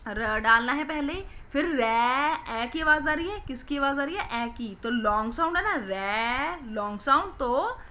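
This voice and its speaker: A young woman with a Punjabi accent teaching children phonics, asking questions and repeating each answer slowly. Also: sits high, expressive, bright, forceful tone, muffled recording.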